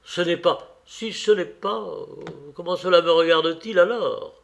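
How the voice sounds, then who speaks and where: A man reading a novel aloud, voicing a witty, cynical aristocratic gentleman with a wry, mocking manner. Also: high-pitched, measured pace, vocal fry, pitched above the performer's own voice, exaggerated voice.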